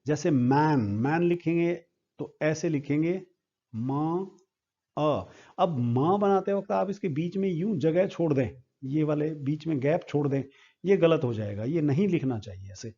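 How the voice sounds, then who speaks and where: A man's voice: fairly high pitch, expressive, measured pace, dark tone, husky, lo-fi sound. A man teaching English phonetic symbols, spelling each word out sound by sound. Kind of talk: phonetics lesson at a board.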